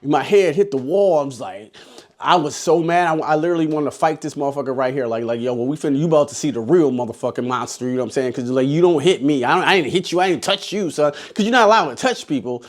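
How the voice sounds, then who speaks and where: A man's voice: on the high side, fast talker. A man in his forties, a haunted house scare actor, telling stories in a rambling, profane way with many restarts. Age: 40s. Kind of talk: casual storytelling vlog.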